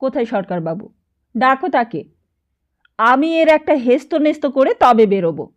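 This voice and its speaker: A woman's voice: high voice, normal speed, dark tone, voice pushed up, lightly acted. A woman narrator voicing an older widowed mother who frets and scolds in a raised, complaining voice. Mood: exasperated. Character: older widowed mother, fretful and quick-tempered.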